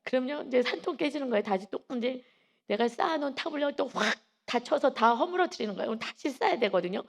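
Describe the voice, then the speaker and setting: A woman pastor preaching an early-morning sermon, emphatic and quick to act out the voices she quotes. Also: high-pitched, lively intonation, creaky. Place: church sanctuary.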